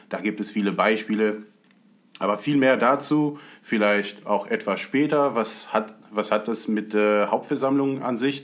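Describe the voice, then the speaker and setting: A man's voice: mid-range voice, fairly bright tone. A man raised in the USA, a guest explaining his views in an earnest, conversational way. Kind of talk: conversational talk.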